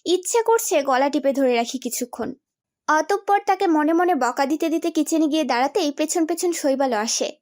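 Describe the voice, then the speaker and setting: A young woman narrating a story in the first person, expressive and storytelling. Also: high voice, moderate pace, no room sound, clean studio sound.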